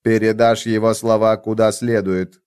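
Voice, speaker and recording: A man reading an audiobook, voicing a cold male overseer who speaks slowly and without emotion. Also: lowish voice, clean tone, close to an everyday voice. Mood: dispassionate. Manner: flat, unhurried, emotionless. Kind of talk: audiobook character voice.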